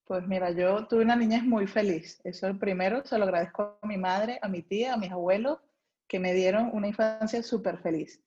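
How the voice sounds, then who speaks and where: A young Venezuelan woman who writes about food chats about her life as an interview guest, speaking with a Venezuelan Spanish accent. Her medium-pitched voice sounds dark and fairly quick, and the high frequencies are cut off.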